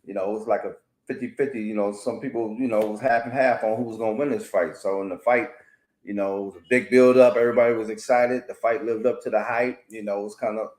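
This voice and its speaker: A man with a lowish voice talks sports casually. He is agreeable and easygoing, with colloquial phrasing. The room around his voice sounds very echoey. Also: steady tone, fast talker, darkish tone.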